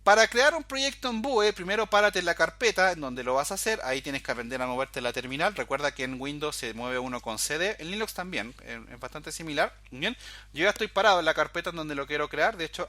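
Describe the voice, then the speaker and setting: A man's voice: on the high side, lively intonation, fairly quick, pushed and bright, no echo. A man teaching a programming tutorial, explaining each step as he goes and often calling the viewer's attention to details. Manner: explanatory, walks through steps, often says "fíjate". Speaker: programming instructor. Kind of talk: screen-recorded coding tutorial.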